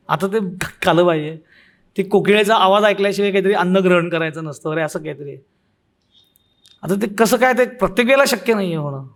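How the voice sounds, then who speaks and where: A man, a spiritual teacher, giving a devotional discourse that mixes humorous parables with quoted saint verses and occasional laughs. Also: high-pitched.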